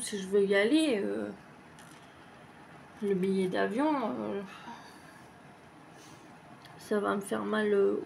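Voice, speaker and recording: A woman's voice: mid-range voice, vocal fry, a little mellow, a little hiss or hum. A woman vlogger chatting casually as she answers tag questions, rambling and hesitant with lots of fillers and the odd swear word. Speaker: craft vlogger.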